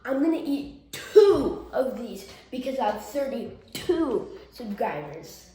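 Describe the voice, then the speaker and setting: A woman talking casually and excitably to viewers as an amateur challenge vlogger, in an informal, exclamatory way. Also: high-pitched, slow. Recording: echoey room, faint background noise.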